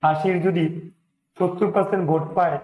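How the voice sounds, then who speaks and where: A male maths teacher with a Bengali accent solves percentage sums aloud for exam preparation, counting out each step and using English words for numbers. He speaks briskly with fairly even intonation in a slightly high, somewhat mellow voice, and the room around him echoes.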